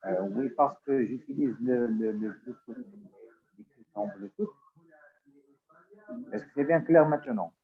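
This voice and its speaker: A male student asking a hesitant question in an online class, pausing often with "euh". He is heard through Bluetooth audio. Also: mid-range voice, animated, gravelly. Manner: hesitant, many pauses with "euh". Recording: tinny phone-like Bluetooth audio.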